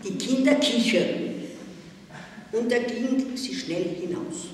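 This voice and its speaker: An older woman reading her own memoirs aloud in a slow, deliberate way. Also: a little high, slight background noise. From Austria. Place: public hall at a town office. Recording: echoey hall, distant mic, faint ambience.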